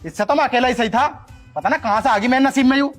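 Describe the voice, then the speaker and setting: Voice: high voice, quick pace, over music, close to an everyday voice. A performer playing a short-tempered rural husband, scolding his wife in a comedy skit. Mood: irritated.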